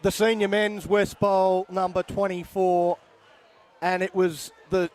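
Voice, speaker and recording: A man with an Australian accent calling a football game outdoors, measured and wry, with plenty of pauses. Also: high-pitched, completely flat delivery, darkish tone. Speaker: play-by-play commentator. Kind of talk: sports commentary wrap-up. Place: outdoor sports ground.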